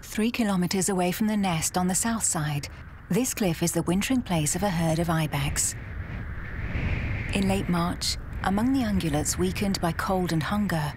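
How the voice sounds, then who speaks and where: A woman with a somewhat low-set voice reads nature documentary narration. Her delivery is measured, like storytelling from a script. Faint outdoor ambience sits behind her words. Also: noisy background.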